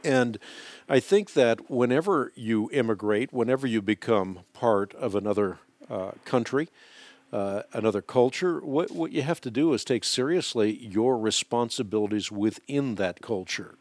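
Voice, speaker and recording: Hosting a call-in radio show, a man from the Netherlands whose first language is Dutch responds to listeners deliberately and with many hesitations. His mid-range voice is animated and darkish in tone, with no echo in the recording.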